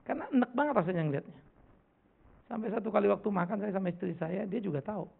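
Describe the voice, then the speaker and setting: A man's voice: high voice, fast, gravelly, husky. A middle-aged male pastor giving a casual, joking sermon with lots of rhetorical questions. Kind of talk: conversational sermon with Q&A. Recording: tinny lo-fi recording.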